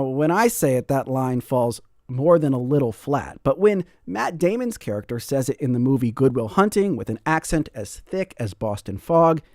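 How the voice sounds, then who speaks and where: A man hosts a public radio call-in show, chatting in a friendly way as he reads out comments from listeners. His mid-range voice is a little mellow, and the studio microphone gives a clean sound with no echo.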